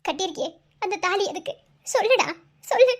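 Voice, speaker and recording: A woman's voice: very high voice, fairly even intonation, fairly quick, a little mellow. A woman voicing a devoted, fierce young wife in an amateur cartoon, with a Madurai Tamil accent and a soothing, coaxing way of talking. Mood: comforting.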